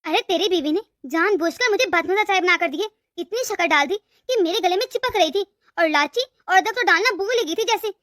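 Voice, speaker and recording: A shrill, very high-pitched cartoon mother-in-law, voiced by a woman, who scolds and berates without pause. She is cruel and bossy, and her voice sits dry and close with no room around it. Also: lively intonation, a bit bright, no room sound. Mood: accusing. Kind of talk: cartoon story voice acting.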